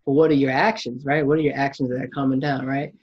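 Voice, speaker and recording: A podcast host in casual conversation, musing aloud and doubling back on his words. His voice is husky and a little breathy. The recording sounds dull and lo-fi. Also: mid-range voice, flat delivery, fast talker. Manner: reflective, frequent restarts and acted-out quotes.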